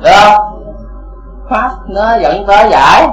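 A man's voice: sits high, expressive, measured pace, fairly bright tone, echoey room, soft background music, low-quality recording. A man teaching Buddhist dharma to a congregation, asking rhetorical questions again and again.

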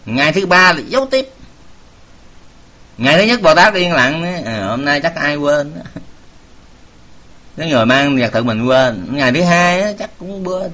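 A man's voice: a little high, animated, moderate pace, pauses often, bright, forceful tone. A man, a Buddhist preacher telling a story in a folksy way, with many filler sounds and direct words to the audience. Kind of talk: sermon storytelling. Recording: dull lo-fi recording.

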